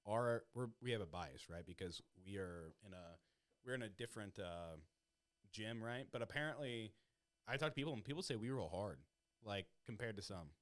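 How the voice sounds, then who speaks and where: A man's voice: on the low side, lively intonation, normal speed. A man hosting a podcast in casual chat, rambling and swearing freely. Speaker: podcast host.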